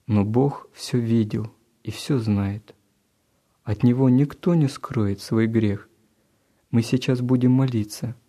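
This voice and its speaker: Storybook father, earnest and admonishing, warm low voice, as a man reader plays him. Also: slow. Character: stern but caring believing father.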